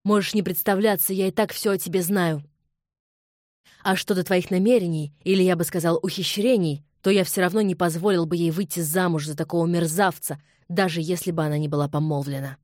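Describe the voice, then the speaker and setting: A woman voicing an enraged, protective young nobleman who shouts his contempt in a loud, forceful voice in an audiobook. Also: on the low side, fairly even intonation, fairly quick, dry recording, studio quality, close to an everyday voice. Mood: furious. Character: furious young nobleman, protective older brother.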